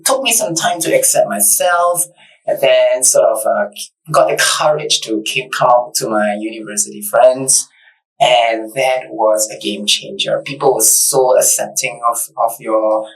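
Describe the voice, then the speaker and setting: A man's voice: mid-range voice, a bit bright, distant mic, rough recording. A man in his thirties from Malaysia, a podcast guest telling his story in an earnest, reflective way. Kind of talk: casual interview conversation. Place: bright studio set.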